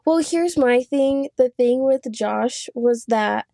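A woman's voice: high voice, slow, vocal fry, warm tone, no echo, clean studio sound. A young woman co-hosting a podcast in casual chat, talkative and laughing often, with lots of "like". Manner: chatty, laughs often, says "like" a lot. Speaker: podcast co-host.

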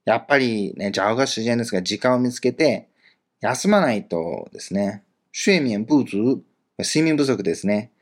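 Lively-voiced male language teacher. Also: on the low side. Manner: reads each example slowly, then glosses it in a chatty way. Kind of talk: casual grammar explanation.

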